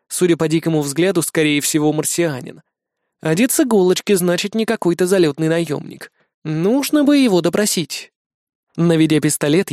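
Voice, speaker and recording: A man's voice: on the high side, darkish tone, dry recording. A man reading a first-person adventure audiobook in a dry, wry manner. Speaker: audiobook narrator.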